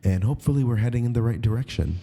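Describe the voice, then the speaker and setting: A man's voice: mid-range voice, racing, vocal fry, warm tone. A man co-hosting a podcast and talking about his acting work in an earnest, casual way. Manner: earnest and conversational, mimics casting directors' lines. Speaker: podcast co-host, actor. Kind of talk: casual conversational chat.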